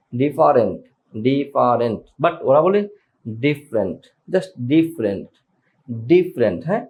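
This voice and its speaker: A man's voice: fairly high pitch, a little mellow. Man teaching English pronunciation. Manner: slow, drawn-out word demonstrations with repeated drills. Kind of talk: spoken English lesson.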